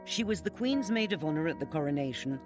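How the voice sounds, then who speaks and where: A man reads a documentary script in a measured, formal way. His voice is fairly high, and music plays clearly behind him. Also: animated. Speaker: documentary narrator. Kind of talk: scripted narration.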